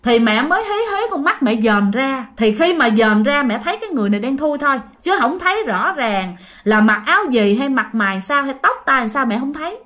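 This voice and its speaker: A woman's voice: high voice, sing-song, brisk, a bit bright. A woman with a Southern Vietnamese accent who hosts a channel, casually retelling ghost stories in a chatty way and talking straight to her listeners. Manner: chatty, addresses listeners directly, heavy use of sentence-final particles. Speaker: storyteller and channel host.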